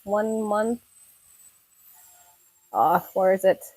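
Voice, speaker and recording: Drawing out her words in a mid-range, darkish voice, a young woman from Thailand answers viewer comments on a live stream, where she reads the chat as a YouTuber. She's chatty, with lots of fillers and frequent repetition of words and of herself. The recording is rough, with no room sound.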